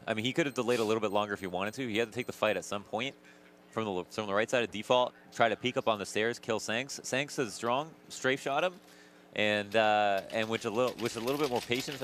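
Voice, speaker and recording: A male esports analyst with a fairly low voice, breaking down plays in a conversational way. He commentates over a live match, with faint game noise behind him. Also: fairly bright tone.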